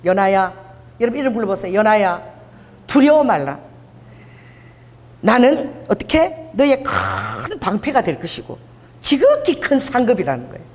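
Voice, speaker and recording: A woman preacher giving a lively sermon, acting out the voices of God and people from scripture as she teaches. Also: mid-range voice, normal speed. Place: church sanctuary. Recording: long hall reverb.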